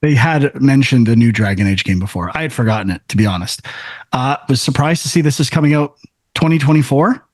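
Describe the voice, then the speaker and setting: A man co-hosting a gaming podcast, leading the rundown in a halting, chatty way. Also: mid-range voice, lively intonation, no room sound. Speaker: podcast co-host. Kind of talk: casual chat.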